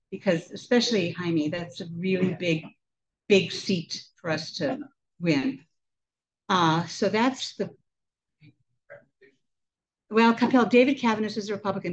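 A woman in her sixties, a club president, runs a meeting in an indoor room, chatting casually into a handheld mic and tossing in laughing asides. Her voice sits in the mid-range. A distant webcam also picks her up, and the audio sounds dull.

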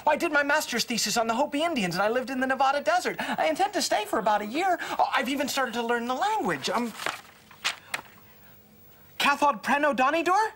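An earnest young American student. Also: male voice, very high voice, expressive, quick pace, few pauses, a bit bright, slight background noise. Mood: eager. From Connecticut, USA. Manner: earnest, polite. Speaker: American lodger, doctoral student. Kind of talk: sitcom acting.

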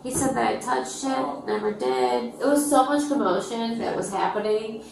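A woman's voice: fairly high pitch, moderate pace, vocal fry, noisy background. A young woman under arrest, anxious and pleading, rambling with frequent restarts, recorded by an officer's body camera in a police station. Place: police station holding area. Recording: echoey distant bodycam audio.

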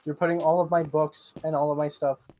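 A woman's voice: deep voice, little pitch movement, brisk, dark tone, slight background noise. A woman playing a game with friends over voice chat, playful and giggly, chatting casually. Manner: playful and giggly, keeps offering gifts. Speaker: Minecraft player on voice chat.

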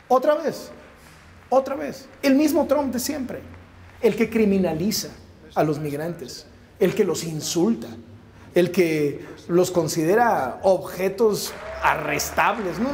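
This news commentator, a man in his forties with a Mexican Spanish accent, speaks emphatically to camera about politics and repeats phrases for effect. His high voice has a darkish tone, recorded via lapel mic on a wood-paneled indoor set with slight background noise.

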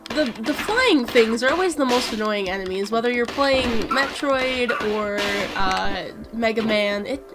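A woman giving casual commentary as she plays a video game, chatty, amused and musing aloud. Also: a little high. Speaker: let's-play host.

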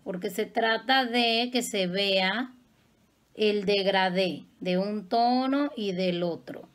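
Slow, patient makeup artist woman. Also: a little high. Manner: patient, affectionate teaching tone. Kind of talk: step-by-step makeup tutorial.

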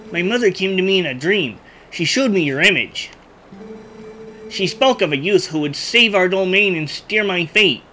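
A man's voice: sits high, pushed and bright, a little hiss or hum, full character voice, low-quality recording. A man voicing an earnest young male prince from a video game in a nerdy kid voice, reading the dialogue aloud.

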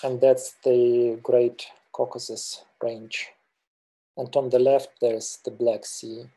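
Slow, hesitant Russian-born man. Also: mid-range voice, level tone, dark tone. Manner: slow, hesitant, many filler pauses. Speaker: mountain guide giving a webinar. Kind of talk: slide presentation talk. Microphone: video call webcam.

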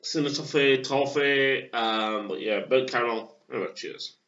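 A man in his thirties from England, casually reviewing a beer at home on a webcam, with plenty of hesitant fillers. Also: mid-range voice. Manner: halting, filler-heavy, relaxed. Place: small room at home. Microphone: webcam at desk. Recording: dull lo-fi webcam audio.

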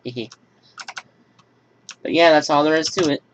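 At a moderate pace and on the high side in pitch, a young gaming channel host explains a build tutorial before chatting through a personal update with plenty of fillers. He records in a home room, and the lo-fi sound is dull with a faint hiss.

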